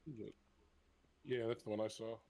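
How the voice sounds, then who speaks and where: A man's voice: lowish voice, steady tone, normal speed, darkish tone, a little hiss or hum. A man chatting casually from off camera, laid-back with dry teasing remarks. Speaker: off-camera companion. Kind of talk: casual chat.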